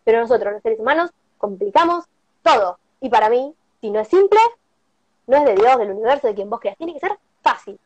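Earnest and animated, a middle-aged prosperity workshop guest speaker delivers a motivational talk over a live stream in Argentine Rioplatense Spanish, sprinkling in tag questions and stories from her own life. Her slightly high, slightly mellow voice moves a little fast. There's no room sound, and the stream audio is dull and lo-fi.

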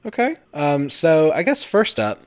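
A man's voice: a little high, big pitch swings, a little slow, no room sound. A man in his thirties hosting a podcast, chatting casually and rambling with fillers and restarts. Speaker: podcast host. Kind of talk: casual chat.

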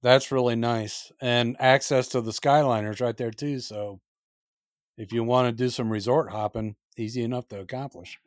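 A man's voice: medium pitch, steady tone, normal speed, no echo, clean studio sound. A man hosting a podcast, affirming his guest in a friendly way. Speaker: podcast host. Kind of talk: casual interview chat.

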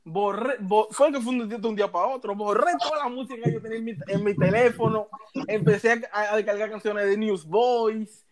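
High-voiced man telling a story. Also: fairly quick, a crowd in the background. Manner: animated, laughing, acts out voices in his story. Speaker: podcast host. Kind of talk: casual storytelling chat.

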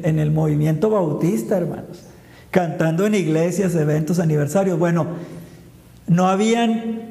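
A high-pitched man delivers a sermon, returning to a brotherly address between phrases and reading verses aloud. His tone is mellow rather than bright. The sound carries the long, roomy reverb of a church hall. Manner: addresses listeners as "hermanos" constantly; reads scripture verses aloud. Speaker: preacher.

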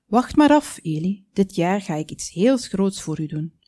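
A woman's voice: medium pitch, measured pace, no echo. A woman voicing a small, cheerful, eager male creature in a storybook. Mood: excited. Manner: excited, bouncy.

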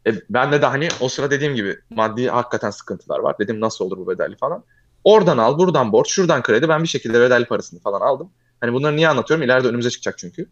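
A young man telling a long personal story in casual chat, fast and animated, often calling the listener "abi". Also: medium pitch, highs cut off.

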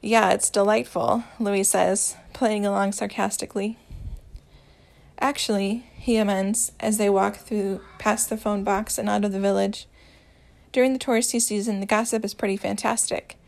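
An audiobook narrator, a woman, reads a romance story aloud at a moderate pace in a gentle, even way, changing her voice slightly for each character. Her middle-pitched voice carries a gravelly, creaky edge.

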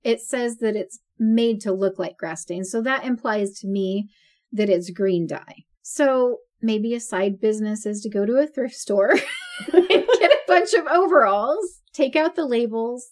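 A woman in her forties co-hosts a casual podcast chat, her voice sitting a little high. She talks loosely with plenty of fillers and laughs often. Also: lively intonation, measured pace. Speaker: podcast co-host.

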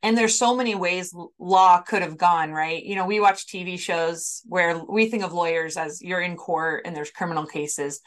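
A woman's voice: on the low side, fairly even intonation, moderate pace, hardly any pauses. A woman hosting an interview podcast in an informal, chatty and polite way.

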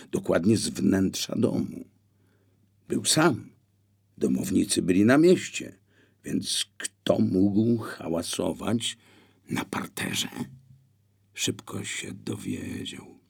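A man reading an audiobook aloud in a measured, expressive way. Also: sits low, vocal fry, breathy edge. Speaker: audiobook narrator. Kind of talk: scripted narration.

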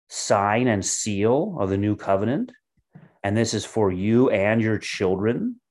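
A man preaching a short devotional sermon, reading scripture aloud and explaining it in a steady teaching manner. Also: lowish voice. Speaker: pastor.

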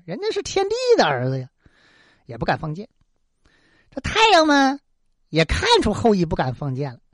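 A lively storyteller reads a folk tale with frequent asides and exclamations. The pitch rises and falls widely, giving it a playful energy. The sound is dry and close with no room echo. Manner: animated, chatty asides and exclamations. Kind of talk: children's folk tale narration.

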